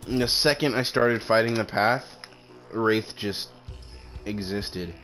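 A man's voice: on the low side, slow pace, fairly bright tone, soft background music. A man chatting casually while gaming, teasing and swearing with his teammate. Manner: joking, swears, teasing banter. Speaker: gamer streamer.

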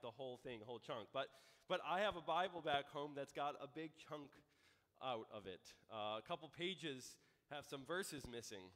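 A man's voice: mid-range voice, a bit bright, in a large hall. An American man in his thirties, a pastor giving a conversational sermon with frequent ums and restarts. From United States. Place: church sanctuary.

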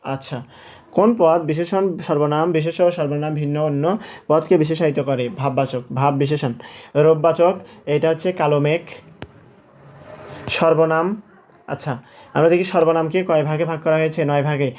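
A man's voice: fairly high pitch, steady tone, a little mellow. A young man teaching, working through exam questions step by step, asking and answering himself and correcting his slips. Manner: drawn-out example words, repeated aloud.

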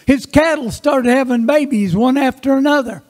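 A male preacher giving a sermon in church, telling Bible stories in a lively, folksy way with joking asides. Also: very high-pitched, normal speed. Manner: animated, folksy storytelling with asides. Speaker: guest preacher.

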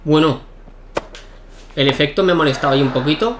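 A young man giving excitable live commentary while playing a tennis video game, shouting at key points. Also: fairly high pitch, brisk, background noise. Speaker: gaming YouTuber.

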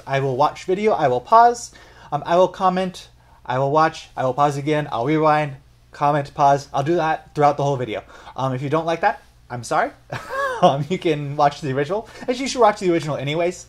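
A young man hosting a casual music reaction and analysis video, chatty and explaining at length while correcting himself as he goes. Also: a little high. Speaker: music reaction channel host.

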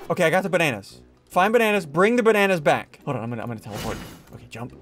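A young man giving excited gameplay commentary, swinging between loud outbursts and quiet muttering. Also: fairly high pitch, racing, music in the background. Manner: animated, jumps between shouting and muttering. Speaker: gaming video host.

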